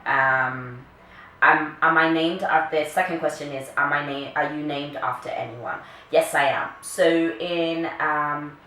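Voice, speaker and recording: A woman's voice: low-pitched, pushed and bright. A woman, chatting casually and playfully to camera as a vlogger. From Kenya, later the UK. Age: early 30s. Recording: echoey room, distant mic, faint noise.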